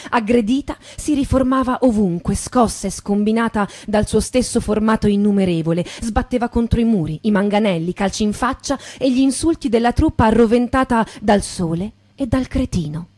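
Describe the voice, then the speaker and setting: A woman giving a measured, grave dramatic reading of literary prose. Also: on the high side, a little mellow.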